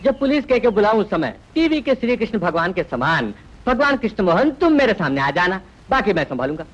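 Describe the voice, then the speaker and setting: A man's voice: sits high, very animated, brisk. An actor dubbing a sly, wisecracking small-time male hustler who teases and mocks in a comic way. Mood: teasing. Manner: teasing, mocking. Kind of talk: Hindi film dubbing. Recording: dull lo-fi dubbed film audio.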